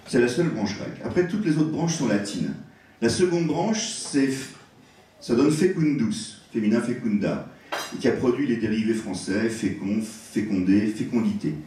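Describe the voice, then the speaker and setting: A man lectures at an evening event with a lively, swooping delivery, lingering over each word he explains. His voice sounds a little distant from the microphone. The sound rings around a big echoey hall. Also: medium pitch. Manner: expressive, savouring each word. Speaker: guest lecturer. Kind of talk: public lecture on word origins.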